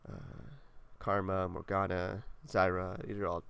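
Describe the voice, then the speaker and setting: Giving relaxed walkthrough commentary on his game setup, a young gaming video creator rambles with plenty of fillers in a congested, nasal voice. It's deep and gravelly yet a bit bright and clean, with a level tone and unhurried pace.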